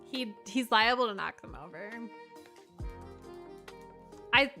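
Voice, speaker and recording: Young female streamer, fairly high and bright, casual and giggly, doting on her pup at the mic. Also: animated, takes it slowly, soft background music. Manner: laughs often, coos praise at her dog. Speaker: live streamer. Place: at home. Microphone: desk streaming mic.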